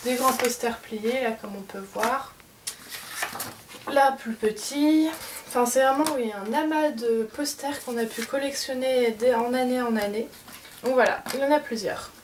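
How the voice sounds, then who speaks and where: Showing off her souvenirs to the camera, this woman keeps things casual and chatty, though hesitant and full of fillers, as in an unboxing vlog. She speaks at a measured pace in a slightly high voice. The mic is distant, and faint noise sits in the background.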